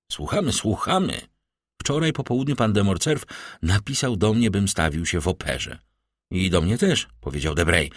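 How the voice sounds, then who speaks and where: A man narrating a classic novel as an audiobook, lifting his pitch for the characters' lines. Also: dry recording, studio quality.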